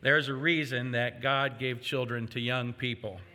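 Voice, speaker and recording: A man's voice: mid-range voice, fairly even intonation, unhurried, sharp tone. An older man preaching a sermon to a congregation, telling jokes and stories in a folksy way. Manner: folksy, joking storyteller addressing a congregation. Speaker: pastor. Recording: reverberant hall.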